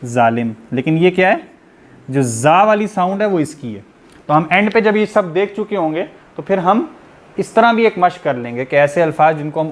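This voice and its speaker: A man leads a tajweed class, his voice slightly higher than most men's. He explains patiently and stretches out each letter sound as he demonstrates it. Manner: patient, explanatory, often checking in with "theek hai". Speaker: tajweed teacher.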